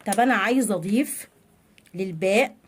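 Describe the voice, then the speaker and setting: Speaking in a mid-range voice with a breathy edge, an Egyptian Arabic-accented woman teaches children to read. She poses questions, supplies the answers herself, and stretches each sound out slowly.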